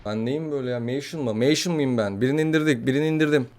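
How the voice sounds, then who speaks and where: A man giving casual, excitable gameplay commentary, swearing, joking and trash-talking his opponents. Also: medium pitch, very fast, background noise. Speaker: gaming YouTuber.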